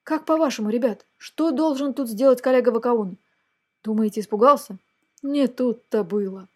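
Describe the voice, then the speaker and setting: Lively woman reading a children's fairy tale. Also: fairly high pitch, moderate pace. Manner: lively, expressive storytelling, speaks to the young listeners. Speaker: storyteller.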